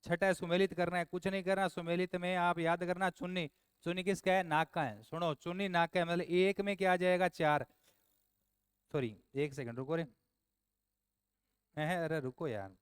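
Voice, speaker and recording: A man from Rajasthan teaching an exam answer walkthrough, brisk, quizzing his listeners and scolding them in asides. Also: high-pitched, steady tone, clear, resonant tone, no room sound, clean studio sound.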